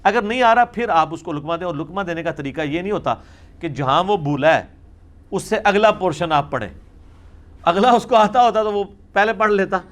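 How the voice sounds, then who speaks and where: A man's voice: high voice, lively intonation. A man with a Pakistani Urdu accent, a scholar answering questions in a religious lecture recorded in a studio, explaining points emphatically with wry asides and English words mixed in.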